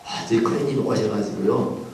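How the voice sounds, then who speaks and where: A pastor telling a childhood story in a sermon, acting out the people in it. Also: male voice, fairly low pitch, a little fast, noisy background. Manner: animated storytelling, acts out voices. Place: large church hall. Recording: echoey hall from far off.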